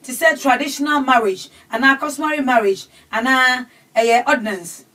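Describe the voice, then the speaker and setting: A middle-aged woman with a Ghanaian accent hosting a call-in advice show in a small radio studio, animated and gesturing as she talks. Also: high-pitched, moderate pace. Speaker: radio host and counselor. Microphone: studio mic, camera across the room. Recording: distant camera audio in studio.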